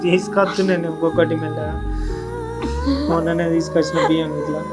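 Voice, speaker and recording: A man playing a young married son who calmly refuses help and comforts his crying mother. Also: a little high, brisk, close to an everyday voice. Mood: firm reassurance. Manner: firm, reassuring, refusing help. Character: young married son, proud, gently consoling. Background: music.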